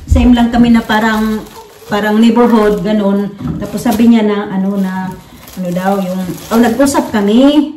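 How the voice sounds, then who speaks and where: Talking informally to her audience, this vlogger from the Philippines wanders through her thoughts, often restarting and using fillers. Her mid-range voice is mellow with fairly even intonation at a normal speed, recorded off-mic in a roomy space with faint noise.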